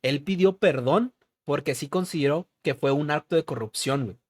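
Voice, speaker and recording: A man's voice: a little high, moderate pace, no room sound. A young man with a Mexican accent, co-hosting a casual political chat and dropping "güey" constantly. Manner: slangy, peppers talk with "güey". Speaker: podcast co-host.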